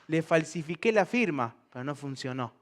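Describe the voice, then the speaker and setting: Lively pastor preaching with humor. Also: male voice, on the high side, normal speed. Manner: lively, humorous, asks the congregation rhetorical questions. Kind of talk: sermon. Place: church service before a congregation.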